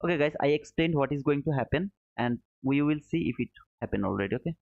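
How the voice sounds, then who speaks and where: This man from Bangladesh runs a casual trading stream, friendly and talkative, reading viewer messages, addressing them as "brother," and exclaiming "boom." His gravelly, slightly mellow voice is animated and quick. The recording is dull, slightly muffled, and dry, with no room sound.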